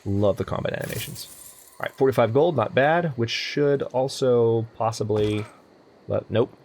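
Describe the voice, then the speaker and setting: A young let's play host casually comments on a strategy game while playing, thinking aloud and often correcting himself. His voice is mid-range and darkish at a normal speed, with faint game music behind him.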